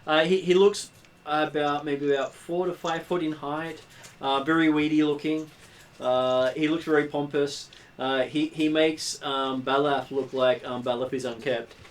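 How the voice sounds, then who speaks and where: A man narrating a tabletop game as game master, improvising descriptions in halting pieces. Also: a little high, steady tone.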